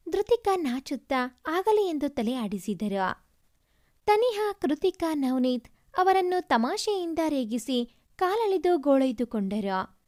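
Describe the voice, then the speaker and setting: Woman, storyteller, high voice, very lively pitch, expressive reading. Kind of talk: first-person story narration.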